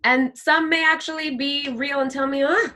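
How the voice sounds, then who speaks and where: A woman speaks as an interview guest, sharing a heartfelt personal faith story. She is animated and slips into the voices of people she quotes. Her voice is bright and sits a little high. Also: moderate pace. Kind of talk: heartfelt faith testimony in conversation.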